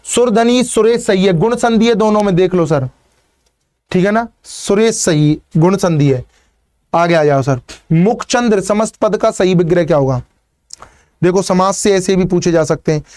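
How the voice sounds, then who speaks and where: A high-pitched man teaches a live online exam-prep class. He explains step by step, checks in with "ठीक है ना" and cheers on his students by name. His voice sounds dry and close to the mic. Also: a little mellow, dry recording. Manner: greets students by name and encourages them.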